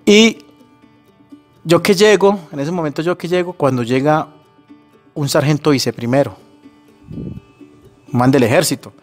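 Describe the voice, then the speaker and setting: A man's voice: fairly high pitch, unhurried, pauses often, soft background music. A man with a Colombian accent telling a personal story in casual speech, acting out the dialogue and calling the listener brother, his voice slightly shaky with emotion. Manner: conversational, acts out quoted dialogue, says brother often.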